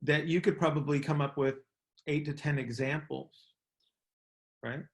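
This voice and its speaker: A middle-aged man with a slightly high voice hosts a casual coaching call, speaking unhurriedly with fairly even intonation. He explains things emphatically, repeats key words, and keeps checking in with "right?"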